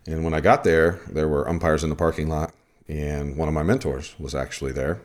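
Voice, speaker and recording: Very deep-voiced man telling a story. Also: fairly even intonation, brisk, darkish tone. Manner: rambling, many fillers and asides. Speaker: softball umpire. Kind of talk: casual storytelling.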